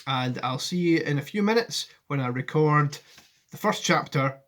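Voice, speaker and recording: Speaking at a moderate pace, the man has a fairly high, fairly bright voice and lively intonation. He's a teacher in his forties at home in the living room, reading a children's story with feeling and addressing his pupils kindly. A device camera at arm's length picks him up.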